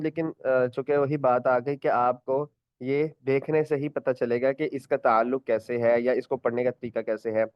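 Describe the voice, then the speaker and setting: A man teaching Quran recitation in an online class, patiently repeating each point, stretching out words as examples and clearing his throat often. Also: a little high, no room sound, highs cut off.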